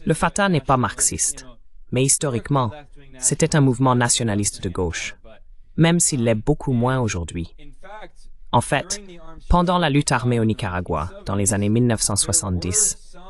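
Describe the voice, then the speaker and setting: In a dubbed programme, a man with a mid-pitched voice appears as an interviewed commentator. He speaks in a measured, didactic way, stressing key points, and sounds expressive.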